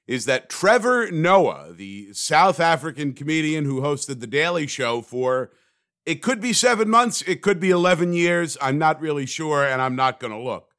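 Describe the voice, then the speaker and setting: A man hosts his own comedy podcast with a voice pitched a little above the usual male range. He rambles from one thought to the next in a dry, sarcastic, self-mocking way. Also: animated, moderate pace, fairly bright tone. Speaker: podcast host. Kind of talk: comedic solo podcast monologue.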